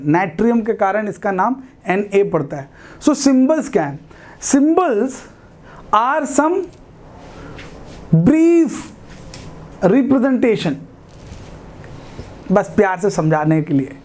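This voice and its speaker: A man's voice: high-pitched, darkish tone. A man with an Indian accent teaching a chemistry lesson, chatty and often checking that the students follow. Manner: chatty, asks rhetorical questions, mixes English into Hindi. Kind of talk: classroom lecture.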